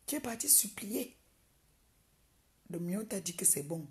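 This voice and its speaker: A woman's voice: mid-range voice, animated, a little slow. A woman on a live video, taunting someone she dislikes and repeating insults over and over. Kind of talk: mocking live-video rant.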